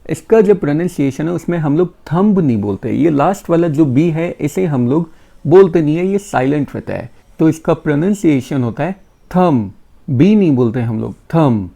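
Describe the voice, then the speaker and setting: Male English teacher, mellow and gravelly, patient word-by-word repetition. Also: on the high side, lively intonation. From India. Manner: repeats each word slowly and patiently. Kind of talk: vocabulary lesson.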